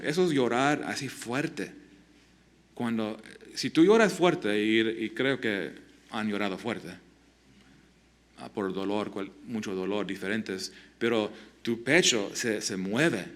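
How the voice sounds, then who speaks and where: Male pastor, mid-pitched, earnest sermon delivery, halting restarts, direct questions to congregation.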